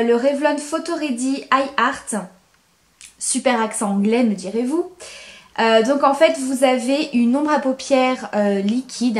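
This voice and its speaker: A young woman talking through a makeup tutorial, enthusiastic, repeating words for emphasis and pausing with frequent hesitations. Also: a little high, a little mellow. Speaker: beauty vlogger.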